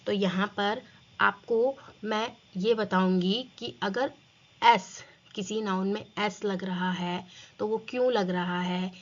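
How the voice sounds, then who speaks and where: Female grammar teacher, unhurried, quizzing pupils; muffled lo-fi recording. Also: mid-range voice, steady tone. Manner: asks and answers her own questions, addresses students as children. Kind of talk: classroom grammar lesson.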